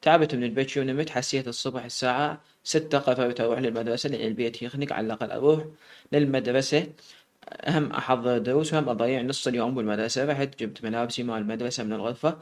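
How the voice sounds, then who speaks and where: A man's voice: medium pitch, fairly even intonation, rapid-fire. A man narrating a first-person story.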